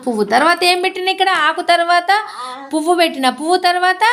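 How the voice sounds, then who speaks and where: A woman preschool teacher leading a simple lesson, speaking slowly and repeating questions to prompt the children. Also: very high-pitched, fairly bright tone. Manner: slow and repetitive, prompting the class with questions. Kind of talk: classroom lesson for small children. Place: preschool classroom full of children. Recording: noisy classroom with children.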